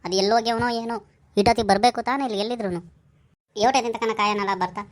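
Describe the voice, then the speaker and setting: In a comedy skit, a woman voices a bossy, scheming village man, speaking in a hurried, urging way with hushed scolding. Her voice is on the high side with a steady tone, and the acting is light.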